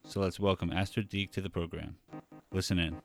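A man hosting a podcast, introducing the guest and asking questions in a relaxed, easygoing way. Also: deep voice, brisk, creaky, faint music behind. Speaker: podcast host.

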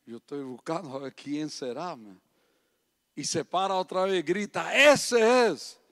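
A man preaching a sermon, moving between quiet personal stories and loud, impassioned appeals. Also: on the high side, animated, moderate pace. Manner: swings from soft storytelling to loud impassioned preaching.

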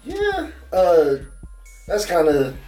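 A man's voice: high-pitched, huge pitch swings, very slow, darkish tone, distant mic, soft background music. A man hosting a podcast in casual, profane, laid-back banter. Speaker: podcast host.

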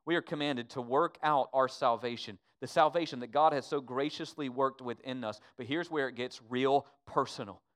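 A man preaching a sermon as pastor, swinging from hushed to emphatic and repeating words as he pleads with the church. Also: mid-range voice, moderate pace, hardly any pauses.

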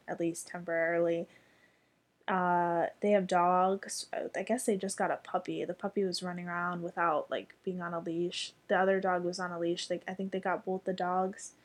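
A woman's voice: on the low side, a little mellow. A young woman telling a story in casual chat, chatty and full of fillers, with casual swearing.

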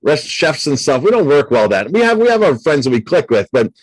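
A man's voice: on the high side, very animated, a little fast, slightly rough, no echo, rough recording. A man interviewing a business owner in casual conversation, enthusiastic and repeating words as he starts his questions.

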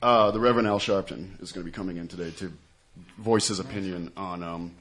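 A man's voice: low-pitched, steady tone, brisk, fairly bright tone. A man co-hosting a casual radio talk show, with a slight lisp, stumbling over his words and laughing often.

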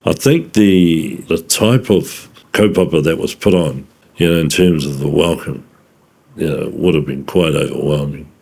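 Very deep-voiced New man. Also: measured pace, vocal fry, husky. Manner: relaxed and conversational, with fillers. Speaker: interviewee. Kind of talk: casual spoken commentary. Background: soft music.

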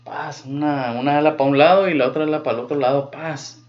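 A man with a Mexican Spanish accent telling a joke in a relaxed, slangy way. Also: fairly high pitch, brisk. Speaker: podcast co-host telling jokes. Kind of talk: casual joke-telling chat. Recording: dull lo-fi sound.

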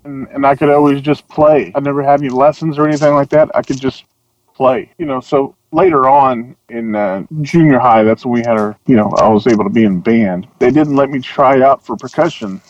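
A man, a drum tech, telling stories as a podcast guest in a lively, animated way. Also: medium pitch, fairly quick, dry recording, highs cut off. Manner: animated, acts out voices in stories. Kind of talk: casual storytelling.

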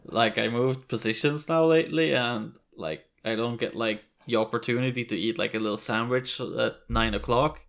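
A man's voice: medium pitch, moderate pace, vocal fry, few pauses, fairly bright tone. A man co-hosting a podcast in casual chat, laughing often and swearing casually. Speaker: podcast co-host.

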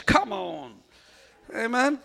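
A man from Mexico preaching a sermon in short phrases for an interpreter, emphatic and often shouting. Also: extremely high pitch, sing-song, very slow, gravelly. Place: church hall. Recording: echoey church hall.

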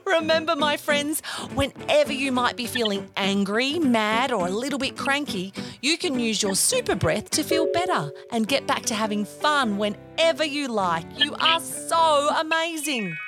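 A woman's voice: sits high, lively intonation, normal speed, over music. A woman hosting a children's podcast, talking to young kids in a gushing, encouraging, sing-song way. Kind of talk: talking to young children, guided feelings exercise.

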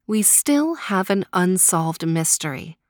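Slow, gentle woman reading a story. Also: lowish voice, dry recording, studio quality. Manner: calm, gentle, drawn-out reading. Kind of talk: reading a children's story aloud.

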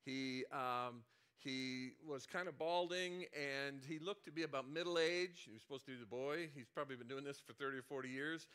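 A man's voice: medium pitch, moderate pace, a bit bright, smooth. A middle-aged man, a senior pastor, telling a childhood story in a conversational sermon with frequent restarts and asides.

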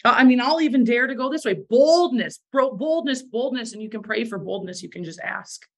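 A woman's voice: fairly high pitch, brisk, slightly rough. A woman giving a motivational talk to a sales team, emphatic and repeating phrases for effect, with a bit of morning voice. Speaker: direct sales team leader.

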